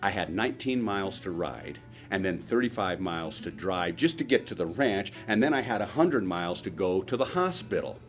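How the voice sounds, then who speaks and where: A man's voice: low voice, lively intonation, moderate pace, few pauses, faint music behind. A man telling a practised, humorous anecdote in a vivid, wry way, as a rancher storyteller. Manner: vivid, wry, acts out dialogue.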